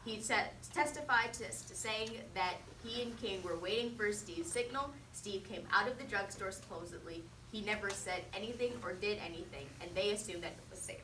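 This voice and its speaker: Speaking at normal speed with few pauses and a medium-pitched voice, a teenage girl delivers a prepared persuasive speech as a mock defense in an indoor classroom. She repeats phrases for rhetorical emphasis, and the recording is roomy, distant, and faintly noisy.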